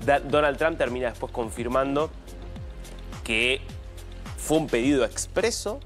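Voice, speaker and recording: An Argentine man on a news panel delivers emphatic, indignant commentary. His voice sits at an everyday middle pitch. Faint music plays behind him. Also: measured pace, fairly bright tone. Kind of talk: studio news discussion.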